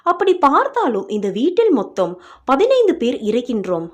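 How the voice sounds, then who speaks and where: A woman's voice: high voice, wildly swooping pitch. A woman voicing a defensive young woman who fires off question after question. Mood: wary. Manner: questioning, defensive, quick to bristle. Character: wary, sharp-tongued young woman.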